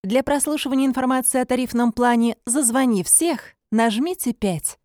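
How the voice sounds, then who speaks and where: A woman reading scripted phone menu prompts in a measured, formulaic announcer's manner. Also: a little high, a little mellow, no room sound, studio quality.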